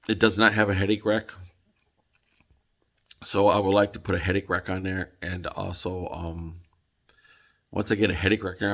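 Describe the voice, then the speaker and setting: Tired, low-voiced man rambling about trucks. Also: vocal fry, fairly bright tone. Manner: rambling, many fillers and restarts. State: tired, yawning. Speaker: trucker vlogger. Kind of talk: casual vlog talk.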